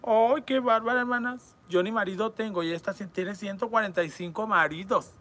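A man's voice: high-pitched, fairly quick, a bit bright. A man, reading viewer comments aloud in a campy, crude and teasing comedic chat. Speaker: online entertainer reading fan messages.

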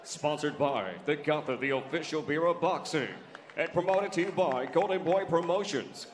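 Booming ring announcer in an echoing arena. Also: male voice. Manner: booming, drawn-out shouted introductions. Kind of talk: live boxing ring announcing. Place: large casino arena, indoors. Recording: echoey arena hall.

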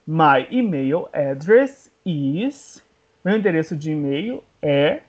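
A Brazilian man teaching a language class at an unhurried pace, with a husky edge to his voice. His pitch rises and falls a great deal as he models each phrase and repeats it carefully. The recording is dull and lo-fi. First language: Portuguese. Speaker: English teacher. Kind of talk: bilingual language lesson.

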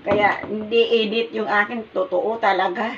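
An older woman with a Filipino accent, telling a personal story in a rambling, halting way, often searching for words. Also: medium pitch, steady tone. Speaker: mother telling her story. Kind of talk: casual storytelling. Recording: muffled, distant, with background noise.

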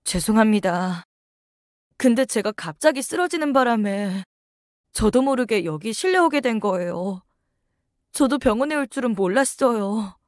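A woman's voice: a little high, expressive, moderate pace, no echo, studio quality, natural voice. A woman voicing a pleading, penniless woman patient. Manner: pleading, apologetic, soft. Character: poor, desperate woman patient begging.

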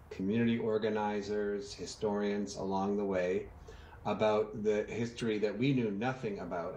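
A man's voice: lowish voice, a little mellow, a little hiss or hum. A man in his thirties, a documentary guest, speaking earnestly and reflectively on a video call from a room lined with bookshelves. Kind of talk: remote TV interview. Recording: roomy echoey video call.

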